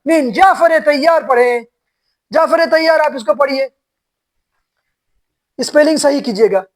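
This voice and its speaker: A man teaching a classroom recitation lesson, spelling syllable by syllable and calling on pupils to correct them. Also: extremely high pitch. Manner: slow, drawn-out syllable-by-syllable spelling. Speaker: Quran teacher.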